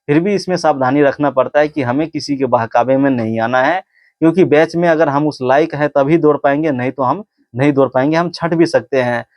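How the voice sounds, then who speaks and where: In a dry, clean studio recording, a physical test coach speaks fairly quickly in a fairly high voice with a darkish tone. Addressing the camera casually, he gives sincere training tips, often repeating himself and starting sentences over.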